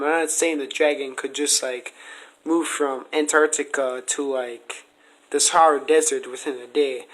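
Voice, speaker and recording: On a roughly recorded casual podcast, the host, whose voice sits on the high side, poses questions. His tone is earnest and speculative as he makes his argument.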